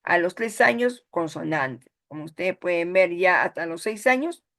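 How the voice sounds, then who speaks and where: A woman course instructor with a Peruvian Spanish accent gives an online lecture, explaining things and often checking in with "¿ya?" and "¿no?". Her voice is lowish and animated, at normal speed with a fairly bright tone.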